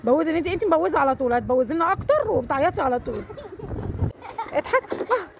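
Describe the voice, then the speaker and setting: A woman's voice: high voice, sing-song, fast, noisy background. A woman with an Egyptian accent running a family party game, teasing and bossing the players playfully. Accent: Egyptian Arabic. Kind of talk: casual family chat.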